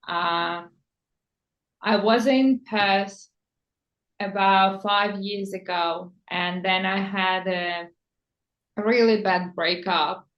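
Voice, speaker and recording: A woman from the Czech Republic, a native Czech speaker, talking slowly as a personal stylist in an interview, searching for words in English. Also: mid-range voice, a bit bright, muffled recording. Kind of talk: conversational interview. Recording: echoey room.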